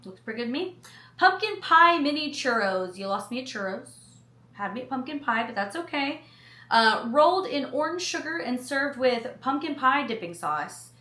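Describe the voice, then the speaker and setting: A woman's voice: high voice, sing-song, moderate pace, pushed and bright, roomy sound. A woman food vlogger reading menu items aloud and adding chatty personal asides. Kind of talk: casual chat reading a menu.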